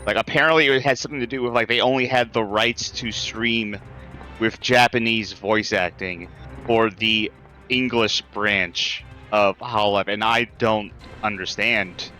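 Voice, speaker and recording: Rambling, bright-voiced man. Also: lowish voice, steady tone, measured pace, faint music behind. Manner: rambling, full of "like" and restarts, swears casually. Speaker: podcast co-host. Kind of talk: casual chat over gameplay.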